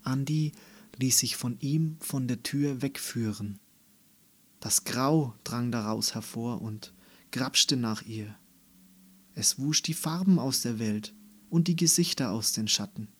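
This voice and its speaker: A man narrating a story as an audiobook reader, calm and measured. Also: medium pitch, breathy edge.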